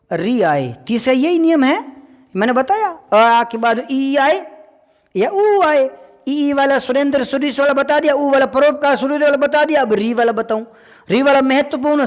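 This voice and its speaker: A male teacher with a very high-pitched voice gives a classroom grammar lesson, repeating key points and firing quick questions at his students. The recording has a long reverb tail.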